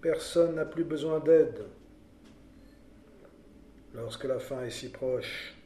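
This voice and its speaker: A man's voice: medium pitch, takes it slowly, dark tone, lightly acted. A man playing a world-weary oracle in an audio drama, speaking cryptic pronouncements in a solemn, prophetic manner. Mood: solemn, fatalistic. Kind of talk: French audio drama acting. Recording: echoey room, faint background noise.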